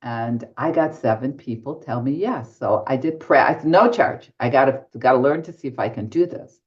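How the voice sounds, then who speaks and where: An older woman, a medium appearing as a guest on an interview show, tells anecdotes in a podcast, voicing both sides of each conversation. Her voice rumbles low and moves at a moderate pace. The recording is dull and lo-fi.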